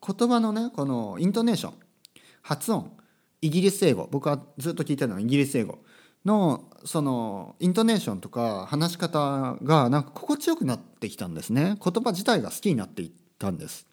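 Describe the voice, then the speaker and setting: Chatty man with a lively voice. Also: on the high side, a little fast. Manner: chatty, self-correcting, asks listeners rhetorical tags. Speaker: podcast host. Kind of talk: casual solo podcast talk. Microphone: podcast microphone.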